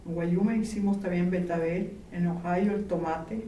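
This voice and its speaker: A woman from Mexico, slowly and gently reminiscing in an interview. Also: on the low side, steady tone, muffled recording. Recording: roomy, distant, faint background noise.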